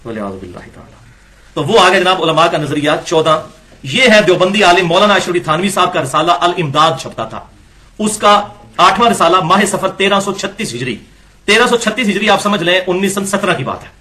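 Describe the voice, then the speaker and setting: A religious lecturer with a high, pushed and bright voice gives an Islamic lecture. He reads passages from books and argues against them, critiquing the texts through rhetorical questions.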